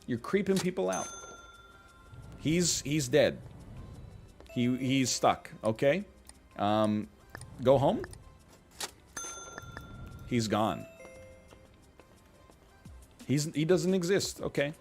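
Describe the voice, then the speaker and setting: Extremely slow with long pauses, a man's medium-pitched, darkish voice is nonetheless animated as faint music plays behind. The Canadian gaming streamer offers goofy, rambling let's-play commentary on a management game, punctuated by playful exclamations.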